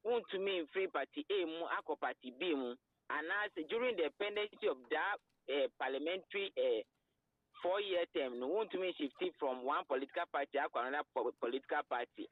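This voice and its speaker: Over a narrow, tinny phone line, a man with a Ghanaian accent explains things as a legal guest. His voice is fairly high, and he speaks haltingly, switching into English terms. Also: husky, no room sound. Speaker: lawyer, interview guest. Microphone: telephone.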